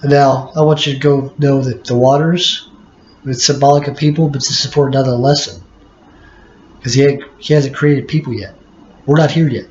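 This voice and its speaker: A man's voice: medium pitch, fairly even intonation, moderate pace, slight background noise. An older man with a folksy grandpa manner reads the Bible aloud and adds plain, teacherly asides, repeating key words. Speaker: grandfather reading scripture aloud. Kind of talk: Bible reading with plain-spoken commentary. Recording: echoey room, dull lo-fi sound.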